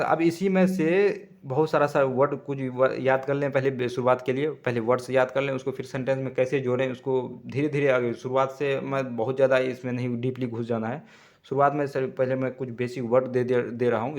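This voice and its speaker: Man, casual spoken lesson, halting, self-correcting, repeats words slowly, mid pitch. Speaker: language teacher. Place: Tamil-speaking region.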